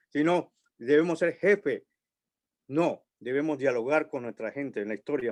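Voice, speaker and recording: A man preaching in a church, his voice sitting a little above the usual male range. He moves at an unhurried pace and leans on repeated phrases for emphasis. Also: a little high. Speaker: pastor. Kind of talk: sermon.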